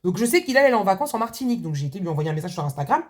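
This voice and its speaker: Woman, casual vlog chat, rambling storyteller, lots of fillers and asides, mid-pitched voice, home desk. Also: very animated, rapid-fire. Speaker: budgeting vlogger.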